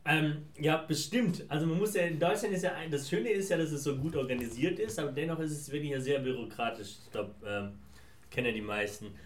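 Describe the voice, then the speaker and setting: A man's voice: a little high, fairly quick. A man from Afghanistan, a founder answering interview questions in long, winding, reflective sentences. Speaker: guest, founder. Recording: roomy echo.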